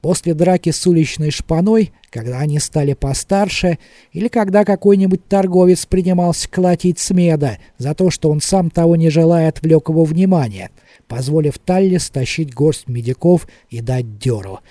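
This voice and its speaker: A man narrating an audiobook in a measured, expressive reading. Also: a little high, no room sound, clean studio sound. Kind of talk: scripted narration.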